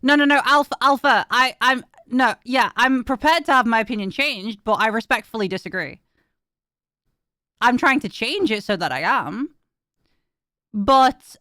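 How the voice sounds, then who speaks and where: A woman's voice: mid-range voice, bright, forceful tone, clear, resonant tone, no echo, clean studio sound. A woman streamer chatting casually with viewers, tired and in pain, talking frankly and swearing now and then.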